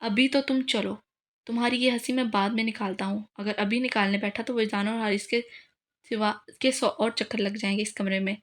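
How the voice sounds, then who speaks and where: A woman's voice: medium pitch, steady tone, brisk, natural voice. A woman reading the lines of a confident young husband who teases his wife in a romance novel.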